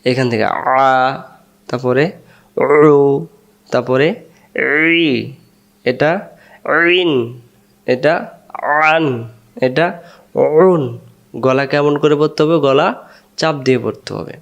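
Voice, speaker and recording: A patient male reading teacher spells out letters and syllables one by one, stretching each vowel long. His voice is smooth and clear, and he talks slowly and steadily, like a classroom drill. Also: mid-range voice, steady tone. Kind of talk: slow spelling-out lesson with drawn-out sounds.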